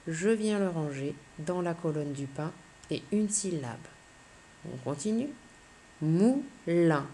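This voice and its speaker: A woman teacher giving a slow, clear phonics lesson to young children, patiently spelling out letters one by one. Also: deep voice, animated, mellow, slight background noise.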